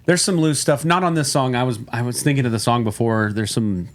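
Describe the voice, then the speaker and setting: A man's voice: medium pitch, lively intonation, fairly quick. A man co-hosting a podcast, chatting casually and gushing enthusiastically about music. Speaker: podcast co-host. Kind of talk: casual chat.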